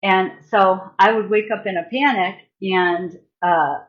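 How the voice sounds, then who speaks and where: On a live stream, a woman who works as a spiritual healer and massage therapist talks casually, chatty and halting with fillers and restarts, and leads a guided meditation. Her voice is mid-range, and the recording sounds muffled.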